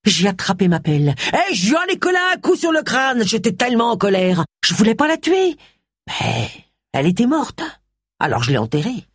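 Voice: medium pitch, wildly swooping pitch, fairly quick, breathy edge, no echo, studio quality, pitched above the performer's own voice, heavily acted. A narrator voicing a distraught man who dotes on his prize pumpkin and confesses a killing. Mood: confessing.

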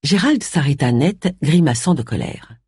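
A woman reads a novel aloud with expressive narration. Her voice is fairly low and slightly husky, with wide, lively swings of pitch. The recording is dry and close. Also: normal speed, no room sound. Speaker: audiobook narrator. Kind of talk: scripted narration.

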